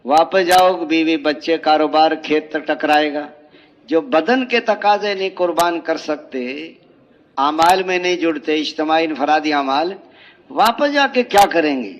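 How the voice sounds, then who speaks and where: A man with a Pakistani Urdu accent preaching an emotional religious sermon, telling parables and asking rhetorical questions. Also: on the high side. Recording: dull lo-fi audio.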